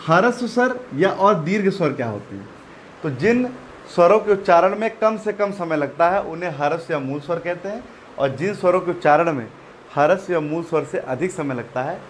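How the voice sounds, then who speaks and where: A man's voice: a little high, slight background noise. A man teaching an exam-prep grammar lesson, drilling letters aloud and urging students to take notes.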